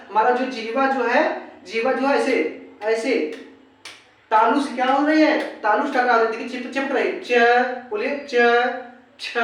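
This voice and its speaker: A woman teaching an exam-prep grammar lesson who keeps asking rhetorical questions, repeats herself and sounds out letters one by one. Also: a little high. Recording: very echoey room, far from mic.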